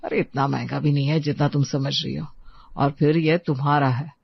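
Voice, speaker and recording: A voice actor playing a caring, patient young husband in a cartoon story, speaking gently and coaxingly. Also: mid-range voice, fairly even intonation, normal speed, vocal fry, breathy edge, no room sound. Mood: gentle. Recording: dry, slightly dull lo-fi sound.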